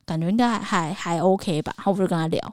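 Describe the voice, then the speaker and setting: A woman's voice: fairly low pitch, fast, a little mellow. A woman co-hosting a podcast, telling a story and acting out both sides of the conversation. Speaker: podcast co-host. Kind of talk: casual storytelling chat.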